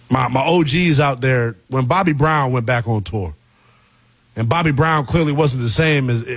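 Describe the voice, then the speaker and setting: In a radio studio, a man hosts sports talk radio in a high, fairly bright, husky voice, captured in a dry recording. He delivers a monologue and chats with callers, colloquial and emphatic, repeating phrases to hammer home his points.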